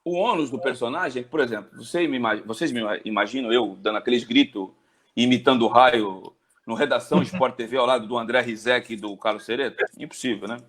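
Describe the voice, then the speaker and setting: A man in his forties from Brazil speaks as a guest in an interview, with a husky voice. He talks fast and tells his stories in an animated way, his pitch jumping up and down. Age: 40s. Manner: animated storyteller with big pitch jumps. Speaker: sports journalist guest. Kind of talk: storytelling interview chat.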